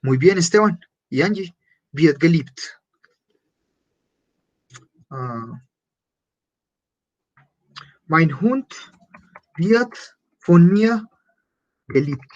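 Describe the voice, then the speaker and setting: Slow, patient man teaching German. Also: on the high side, expressive, muffled recording. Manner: patient, repeats German phrases slowly and clearly. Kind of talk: beginner language class.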